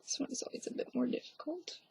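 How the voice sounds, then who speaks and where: A woman's voice: quick pace, darkish tone. Whispering young woman making a tutorial. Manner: self-deprecating, offhand asides. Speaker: craft tutorial maker. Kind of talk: whispered hands-on craft tutorial. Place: at home, quiet indoors.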